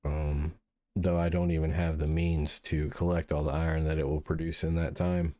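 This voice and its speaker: A man hosting a gaming channel, musing through relaxed gameplay commentary and sounding sleepy. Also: extremely low pitch, normal speed, dry recording, studio quality. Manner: mellow, musing, thinks aloud with restarts. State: sleepy, yawning.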